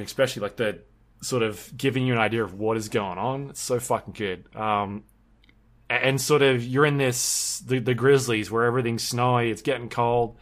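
A man co-hosting a podcast in casual chat, rambling along with many ums and restarts. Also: mid-range voice. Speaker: podcast co-host.

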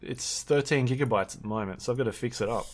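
A man's voice: medium pitch, fast talker. A man co-hosting a podcast in casual chat, rambling along with many ums and restarts. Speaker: podcast co-host.

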